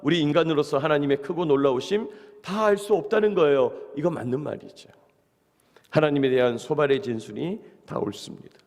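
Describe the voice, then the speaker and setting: Gravelly-voiced preacher in a reverberant church. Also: male voice, on the high side, a little fast, darkish tone. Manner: earnest preaching, repeatedly addressing the congregation. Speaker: pastor. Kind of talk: early-morning sermon. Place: church sanctuary.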